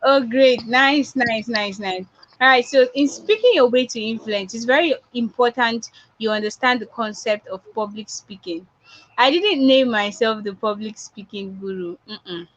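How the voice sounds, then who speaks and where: A woman with a Nigerian accent speaks at a moderate pace in a voice on the high side. She's a public speaking coach delivering a motivational online talk, repeating her points for emphasis, and the audio is dull, lo-fi online quality.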